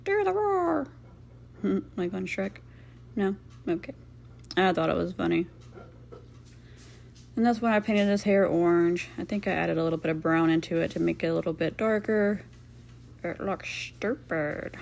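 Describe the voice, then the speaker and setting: A woman's voice: fairly low pitch, fairly even intonation, moderate pace, creaky, long pauses, darkish tone, slight background noise. A woman giving casual, rambling craft voice-over commentary as host, playfully sarcastic and self-deprecating.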